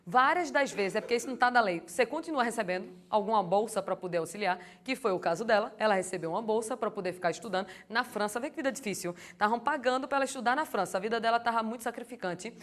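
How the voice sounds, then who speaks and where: Woman, young adult, law exam-prep lecturer, colloquial and lively, slightly high voice. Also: quick pace, hardly any pauses. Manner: lively, colloquial, asks the class rhetorical questions. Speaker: law course teacher.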